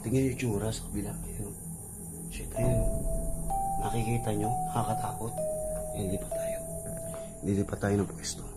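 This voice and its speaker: Hoarse young guy creeping through a dark abandoned place, low voice, jumpy and hushed, loud music over it. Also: little pitch movement, moderate pace, pauses often. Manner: tense, jumpy, swears under breath, talks to viewers. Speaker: vlogger. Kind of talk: hushed exploration vlog narration. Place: abandoned building at night.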